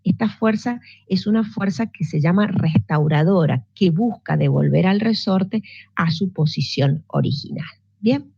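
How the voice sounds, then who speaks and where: A woman with a low, gravelly voice explains physics step by step, pausing to check that her students follow. Her tone is dark and slightly husky, and the dry recording sounds dull and lo-fi. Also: no echo. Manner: patient, explanatory, with frequent restarts and check-ins. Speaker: physics teacher. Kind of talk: online class lecture.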